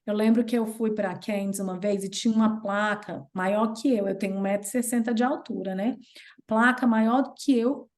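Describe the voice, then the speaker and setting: A Brazilian woman in her thirties speaks with a Brazilian Portuguese accent, her voice pitched a little higher than most. As an interview guest she tells stories in a casual, chatty, animated way, her pitch jumping playfully as she retells them.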